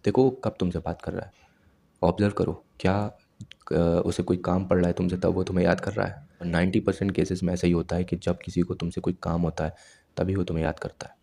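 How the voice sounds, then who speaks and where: A young man in his twenties speaks low and flat, his voice gravelly and dark. He lectures his viewers directly, handing out blunt self-improvement advice one point at a time. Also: brisk. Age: 20s. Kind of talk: advice monologue to camera.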